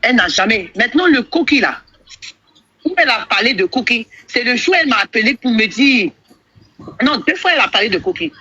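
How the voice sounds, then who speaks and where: A woman's voice: on the high side, big pitch swings, a little fast, pushed and bright, slightly rough. A woman calling into a live stream, hesitant and defensive, repeating herself. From Ivory Coast. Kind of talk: heated phone call on a live stream. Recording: muffled phone-call audio.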